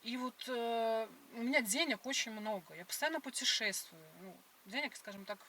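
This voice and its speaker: Woman, bright edgy voice, dismissive, hesitant phrasing, casual argument, a little distant from the mic. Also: fairly high pitch, moderate pace, slight background noise. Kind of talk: casual argumentative chat on a date. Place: inside a car.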